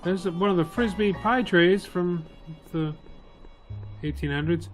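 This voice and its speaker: A man's voice: sits high, unhurried. A man doing casual, reactive gameplay commentary with sarcastic, profane, muttered asides. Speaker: let's play commentator. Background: game music.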